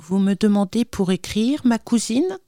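A woman's voice: on the high side, a little slow, dry recording, studio quality, voice pushed up, close to an everyday voice. A woman reading aloud and voicing a sly young boy with a mock-innocent manner in a storybook. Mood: sweetly feigned.

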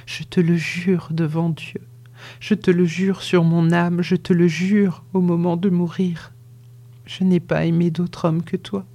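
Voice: medium pitch, flat delivery, warm tone. A reader putting on a faint, dying young woman. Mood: imploring. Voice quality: faint, breathy and halting. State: out of breath. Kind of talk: audiobook reading.

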